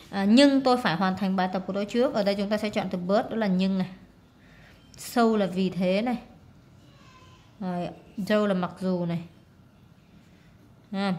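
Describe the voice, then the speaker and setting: Female teacher, casual exam walkthrough, chatty with fillers. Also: medium pitch. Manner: casual, many fillers, reads words aloud and translates. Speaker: English teacher.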